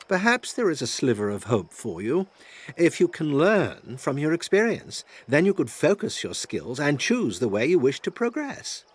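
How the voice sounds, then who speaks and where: An actor playing an ancient, mocking spirit in a fantasy game, pompous and sarcastic in his condescension. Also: medium pitch. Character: ancient mocking male spirit bound to a bloodline. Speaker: tutorial guide. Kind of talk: theatrical fantasy game voice acting.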